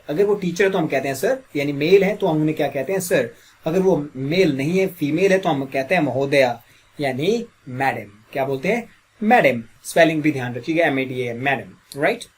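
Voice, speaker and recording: A man teaches an English grammar lesson in a husky, slightly raised voice. His throat is a little sore, so he keeps clearing it. He drills the listener with the same question again and again. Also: fairly high pitch, lively intonation, normal speed.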